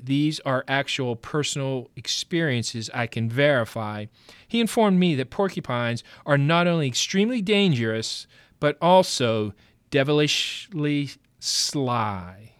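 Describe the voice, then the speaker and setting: A man's voice: medium pitch, unhurried, clean tone, dry recording, lightly acted. A man reading aloud and voicing a grave, self-important older male mouse who lectures young mice about their enemies. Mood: grave, pompous.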